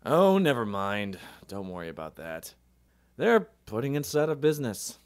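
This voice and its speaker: An actor playing an excitable, kindly, easygoing uncle in his fifties in a radio drama. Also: mid-range voice, normal speed, clean tone, no room sound. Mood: resigned. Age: 50s.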